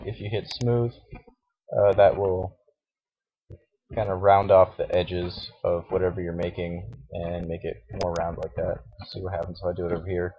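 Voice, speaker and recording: A man with a groggy morning voice, talking through a software tutorial casually and hesitantly, with many fillers and restarts. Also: low-pitched, husky. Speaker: tutorial host. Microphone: cheap computer microphone. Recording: dull lo-fi mic with faint hiss and mouse clicks.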